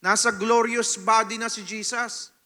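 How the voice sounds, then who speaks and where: A Filipino man preaching a sermon as pastor, telling a personal testimony with animated storytelling and frequent "no?" tag questions, swinging between loud and hushed. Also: high voice, measured pace. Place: church hall. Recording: long reverb of a church hall.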